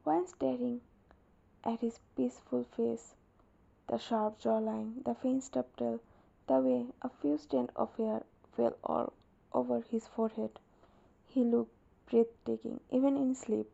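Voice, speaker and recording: A woman reading romantic fan fiction aloud in a soft, unhurried storytelling manner, on a dull lo-fi recording. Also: on the high side, fairly even intonation, gravelly. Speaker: narrator. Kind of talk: scripted fan fiction narration.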